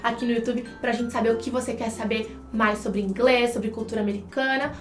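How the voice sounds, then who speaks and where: A Brazilian woman co-hosts an online English lesson, talking directly to viewers and explaining points through examples in a conversational way. Her voice is fairly high and steady, and she speaks fairly quickly. The room is echoey, with soft music in the background.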